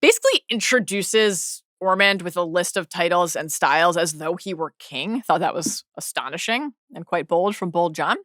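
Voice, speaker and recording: A woman co-hosting a podcast, recapping a TV episode quickly and enthusiastically, often restarting sentences. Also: fairly low pitch, animated, a bit bright, no echo, studio quality. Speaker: podcast co-host. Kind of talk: casual TV recap chat.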